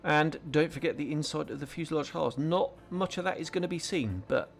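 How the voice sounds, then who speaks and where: The host of a scale modelling channel narrates a relaxed tutorial briskly, his voice on the high side with vocal fry. He goes casually through each step, often saying um and starting over, while soft music plays in the background.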